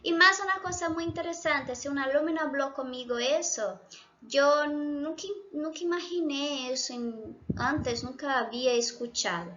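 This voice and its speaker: Woman, Brazilian accent, native Portuguese speaker, Spanish teacher, patient and reassuring, high-pitched, slightly muffled recording. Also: normal speed, sharp tone. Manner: patient, reassuring, checks in with students often. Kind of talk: explaining grammar to students.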